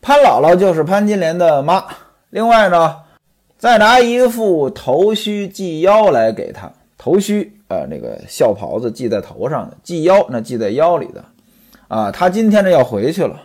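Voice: mid-range voice, big pitch swings, moderate pace, darkish tone. A storyteller retelling a classic novel in a chatty, traditional oral style, stepping out of the tale with asides to the listeners.

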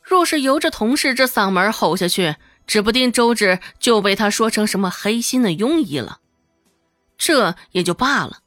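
A woman narrating a serialized novel as an audiobook, in a lively storytelling manner, voicing all the characters herself. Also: on the high side, no room sound, clean studio sound.

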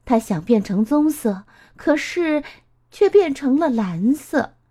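A woman reading a children's story aloud, slow and expressive in a sing-song way. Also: sits high.

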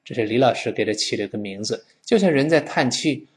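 A man a lilt and teaches English pronunciation, a voice that rises and falls widely. His pitch sits in the middle for a man. He models words slowly and has listeners read along after him. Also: animated. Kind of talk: explaining English pronunciation to learners.

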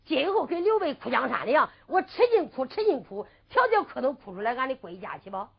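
A sly young man in disguise, put on by a woman storyteller, grumbling under his breath and whining his stubborn refusals. The voice sits high and swoops lively. The old recording sounds dull and lo-fi. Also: a little fast, gravelly, breathy edge, exaggerated voice. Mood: scheming mutter. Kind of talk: traditional storytelling with sung ballad.

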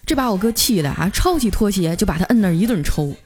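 A woman radio host tells a comic story in a lively, chatty way and draws out her little particles. Her voice sits at a middling pitch, over faint background music. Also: fast, husky.

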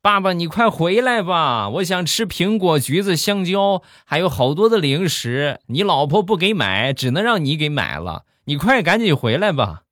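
A little kid whining sweetly for fruit and snacks, as a man puts the child on. The voice is raised high and childlike, with a pleading, sing-song lilt. The sound is close and dry. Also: sing-song, normal speed, few pauses, a bit bright, dry recording. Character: small child begging for snacks, whiny.

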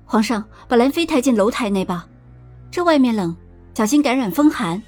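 A woman voicing a composed, gracious pregnant consort in an audiobook, speaking with polite, measured concern. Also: a little high, animated, a little mellow, soft background music, voice pushed up. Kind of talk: audiobook acting.

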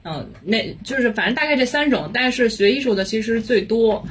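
A visual artist from Beijing, China, chats casually as an interview guest in colloquial Beijing speech, her accent carrying some mixed influences. Her voice is a little high, animated, and slightly fast. Faint background noise and room ambience can be heard.

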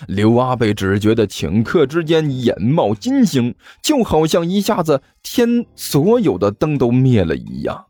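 A man narrating a comic audiobook story in a lively, theatrical storytelling manner. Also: mid-range voice, a little slow, hardly any pauses, no echo.

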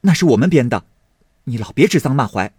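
A man voicing a proud, quick-witted young maid with a lively, teasing manner, in a storybook reading. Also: mid-range voice, background noise, voice pushed up, lightly acted. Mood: cold. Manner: lively, teasing, then cold.

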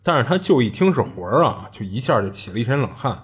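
A man's voice: mid-range voice, big pitch swings, fast, breathy edge. A man telling a strange tale in a chatty, rambling podcast style. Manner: chatty, rambling, many fillers and restarts. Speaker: podcast host. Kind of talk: casual storytelling.

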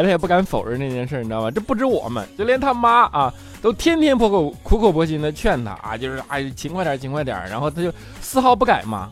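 A man doing a stand-up comedy monologue, telling chatty stories and often checking in with the audience. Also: sits high. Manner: chatty storytelling, keeps asking the audience "right?". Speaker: comedian host.

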